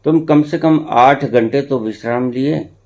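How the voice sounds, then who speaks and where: Delivering a discourse to his followers, a spiritual teacher speaks in a mid-range voice at a slightly slow pace. His delivery shifts from hushed to emphatic, with phrases repeated for effect.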